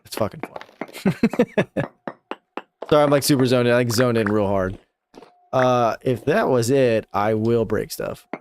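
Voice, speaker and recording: A man's voice: medium pitch, a little slow, long pauses, noisy background. A young man streaming a video game live, chatting casually, laughing often and swearing freely. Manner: laid-back, swears a lot, laughs often. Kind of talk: casual live gameplay chat.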